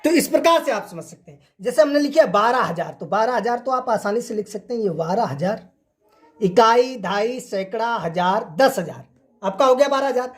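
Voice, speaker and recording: A woman's voice: a little high, animated, normal speed. A woman teaching an online maths lesson, who repeats each point and keeps asking the class rhetorical questions. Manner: repetitive, drilling, asks the class rhetorical questions.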